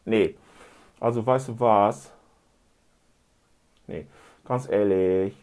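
A lowish, somewhat mellow male voice stretches its words out. It belongs to a comedian faking one side of a phone call, delivering a meandering comic rant full of indignant grumbling, with a questioning "ne" tacked onto nearly everything he says.

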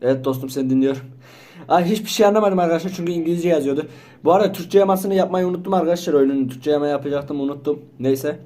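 A man with a warm, somewhat high voice talks through a game in a loose let's-play style. He is excitable and mouthy, quick to mock and threaten the characters on screen. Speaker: gaming channel host. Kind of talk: casual let's-play commentary.

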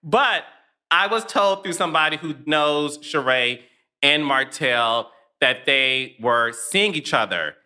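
A man's voice: fairly high pitch, slow, bright, forceful tone. A man hosting a casual gossip podcast, telling stories animatedly and laughing often. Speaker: podcast host.

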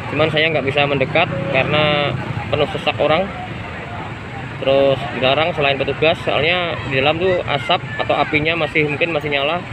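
Filming with his own phone on a busy street at night, a man reports live from beside a mall fire as a citizen reporter vlogger. His voice is a little high, and the phone recording carries loud street noise. He describes the scene to viewers urgently and repetitively.

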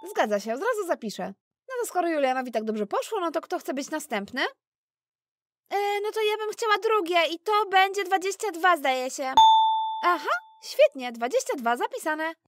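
A woman voicing a brisk, cheerful female math teacher toy figure with an encouraging classroom manner. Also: very high-pitched, very animated. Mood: pleased.

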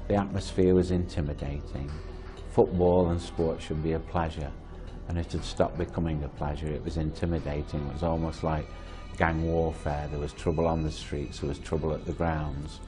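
Very deep, grave male voice. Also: level tone, moderate pace, hardly any pauses, over music. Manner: grave, emphatic. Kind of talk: documentary interview.

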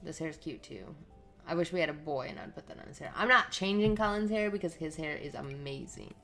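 A woman's voice: low-pitched, fairly quick, fairly bright tone, faint music behind. A woman giving casual running commentary while playing a life-simulation game, chatting to the characters on screen. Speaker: let's play host.

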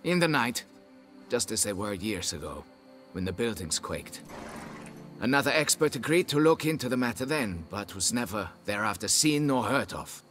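A man's voice: on the low side, big pitch swings, normal speed, fairly bright tone, faint music behind. A pompous snobbish nobleman. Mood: grudging. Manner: haughty, condescending, fussy about his title. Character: pompous snobbish middle-aged male nobleman, vineyard owner. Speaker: client hiring a witcher.

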